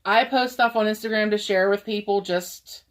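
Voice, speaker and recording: A woman's voice: medium pitch, fairly even intonation, moderate pace. A woman co-hosting a live stream about ghost hunting, talking casually with lots of "um" and "like" and frequent laughter. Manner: chatty, laughs often, fillers like "um" and "like". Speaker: paranormal investigator, co-host.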